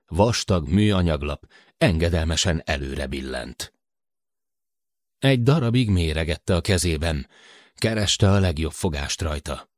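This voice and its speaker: A man reading a novel aloud as an audiobook narrator, with measured, expressive storytelling. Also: low voice, dry recording, studio quality. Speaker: audiobook reader. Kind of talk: scripted narration.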